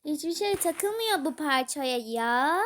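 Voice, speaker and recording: Woman gaming vlogger, high voice, chatty, excitable, talks to the screen. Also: takes it slowly. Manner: chatty, gushing over game items, talks to her character. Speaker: gaming YouTuber. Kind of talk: casual gameplay commentary.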